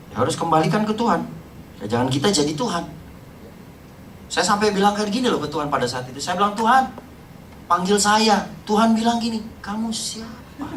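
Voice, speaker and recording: A middle-aged man giving an emotional church testimony, speaking straight to the congregation and sometimes dropping to a hush. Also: fairly high pitch, slight background noise. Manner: impassioned, addresses the congregation directly, drops to hushed tones. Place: church hall. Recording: roomy hall, voice from far off.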